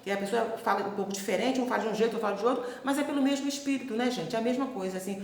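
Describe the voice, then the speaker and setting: A woman's voice: a little high, very fast, echoey room. A woman teaching the Bible in a chatty way, often checking that her listeners follow and acting out quoted voices. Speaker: preacher.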